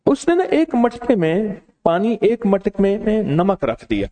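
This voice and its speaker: Animated man preaching with lively pitch. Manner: animated, addresses the listeners directly. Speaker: religious preacher. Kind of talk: storytelling sermon.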